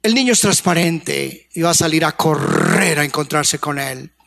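A man preaching a sermon as pastor, passionate, swinging from hushed to loud, coaxing the congregation with questions. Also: fairly high pitch, normal speed, gravelly. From Colombia.

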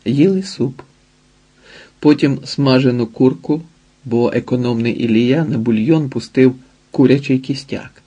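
A male narrator reads a literary audiobook in a measured, steady way. His voice is dark and mellow. It carries a husky texture throughout. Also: mid-range voice.

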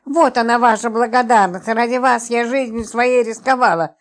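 A woman's voice: on the high side, fairly even intonation, moderate pace, natural voice. Woman doing a fiery, jealous young housewife. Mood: indignant. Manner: sharp, huffy, tearful outbursts.

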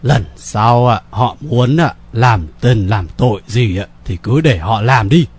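A man's voice: medium pitch, lively intonation, husky, pitched below the performer's own voice. A man playing a weary, resigned old father. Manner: slow, sighing, sprinkles polite particles.

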